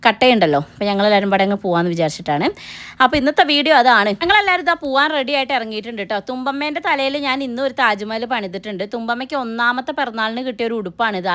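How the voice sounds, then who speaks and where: A young mother, chatting casually to viewers in a family vlog. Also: on the high side. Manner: chatty, fast, addresses viewers directly. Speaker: family vlogger.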